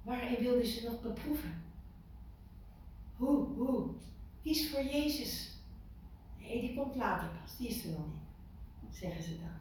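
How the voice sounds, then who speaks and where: A woman preaches to a small group in a conversational, lively way, asking her listeners questions and repeating words to drive a point home. Her voice sits a little high. It is recorded from some distance in a very echoey room with a faint hiss behind it. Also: unhurried, pauses often. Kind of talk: informal sermon to a small group.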